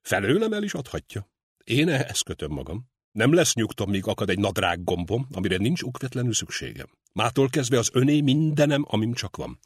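A man reading the part of a stubborn, grieving older butcher who mutters and insists, in a husky, dry-sounding voice. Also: mid-range voice, sing-song, no room sound. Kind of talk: audiobook character reading.

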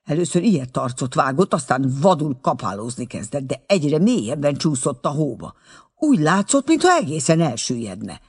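Male audiobook narrator, expressive, husky and fairly high.

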